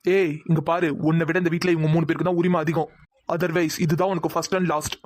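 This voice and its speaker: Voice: mid-range voice, level tone, normal speed, a little mellow, close to an everyday voice. A voice actor playing a stern young man who runs the household and gives commanding orders in a cartoon dub. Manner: commanding, scolding.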